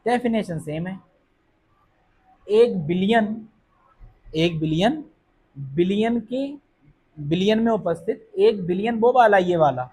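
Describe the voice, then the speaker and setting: A man's voice: high voice, animated, slow pace, long pauses, mellow, breathy edge. A male chemistry teacher with a Hindi accent lecturing a class. He keeps asking questions and answering them himself, and reassures students that it is not hard.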